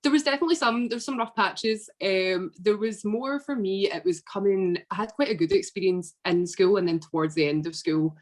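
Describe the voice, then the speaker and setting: A woman's voice: mid-range voice, fairly quick, hardly any pauses. A young Scottish woman in her twenties, chatting casually as a podcast guest with lots of fillers. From Scotland. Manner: chatty, relaxed, frequent fillers. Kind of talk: casual interview.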